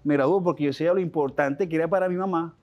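Fast-talking Venezuelan man, higher voice. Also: highs cut off. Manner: animated, fast-talking, with frequent restarts and slang. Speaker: guest. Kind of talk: emotional storytelling interview.

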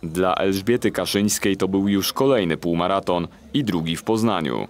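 Deep-voiced male news reporter. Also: normal speed.

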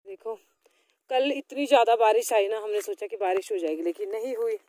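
A woman's voice: on the high side, fairly quick, warm tone, no echo. A young woman with a Himachali Pahari accent, chatting casually and rambling to her viewers in a homely vlog. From Himachal Pradesh, India. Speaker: vlogger.

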